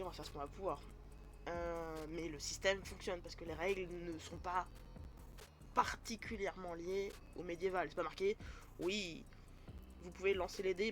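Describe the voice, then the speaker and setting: A woman's voice: on the low side, noisy background. Chatty woman streamer, rambling. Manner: rambling, chatty, self-correcting. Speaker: streamer explaining tabletop role-playing. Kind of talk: casual live-stream explanation.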